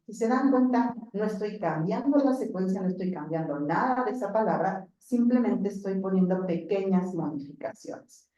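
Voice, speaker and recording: A woman's voice: mid-range voice, warm tone, distant mic. Woman lecturing in a very echoey hall. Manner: explanatory, repeats words, frequent "¿no?" check-ins. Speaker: conference lecturer. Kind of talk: academic lecture to a live and online audience.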